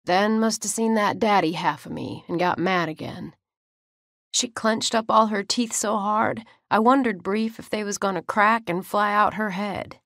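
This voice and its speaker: A woman's voice: medium pitch, a little slow, a bit bright, no echo, clean studio sound. A woman with a drawl, narrating an audiobook in first person in a folksy way.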